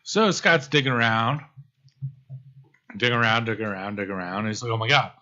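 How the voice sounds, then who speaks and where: Low-voiced man running a tabletop game. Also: brisk. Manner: relaxed, casual narration with fillers. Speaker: game master. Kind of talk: narrating a tabletop game on a live stream. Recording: muffled lo-fi stream audio.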